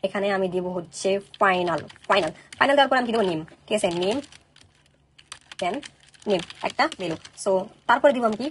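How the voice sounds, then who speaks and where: A woman teaching a coding tutorial, talking fast and checking in with listeners after each step. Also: mid-range voice, animated, slight background noise. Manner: rapid, keeps checking in with "okay?". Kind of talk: screen-recorded coding tutorial.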